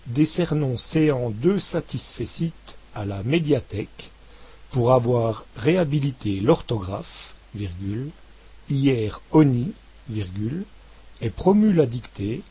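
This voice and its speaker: Male dictation reader, breathy, very slow and measured, calls out punctuation. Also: expressive, mellow, rough recording. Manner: measured, articulating each word, dropping lower on punctuation marks.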